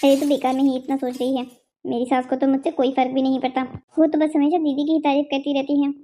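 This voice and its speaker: A carefree young daughter-in-law in a cartoon, stubborn and quick to talk back, voiced by a woman. Her voice is high and dark-toned. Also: flat delivery, lightly acted. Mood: complaining. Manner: defiant, careless.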